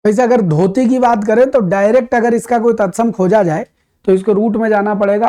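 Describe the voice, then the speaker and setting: A man teaching Hindi grammar for an exam, explaining patiently, slowing down to recite verses and repeating key words for emphasis. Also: sits high, mellow. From India. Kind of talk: exam-prep grammar lesson.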